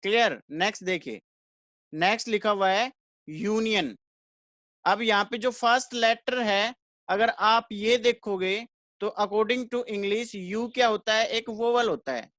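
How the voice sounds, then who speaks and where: A man teaches English grammar in an online class, keeping the pace even and repeating each rule. He asks the students a question and then answers it himself. The recording is dry and close. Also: sits high, a little slow, no room sound.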